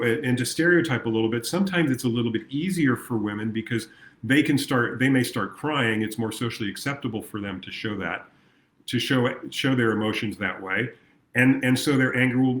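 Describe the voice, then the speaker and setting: A man's voice: lowish voice, a bit bright. A man speaking as a coach in an earnest talk to camera, now and then acting out his clients' voices. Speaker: progress coach. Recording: echoey room.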